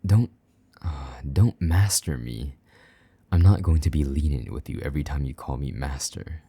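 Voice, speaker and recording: A man speaks as a possessive, jealous vampire knight in an intimate roleplay recording, his low murmur falling into soft whispers that tease with slight gruffness. He talks at a normal speed, there's no room sound, and the tender performance is a full character voice.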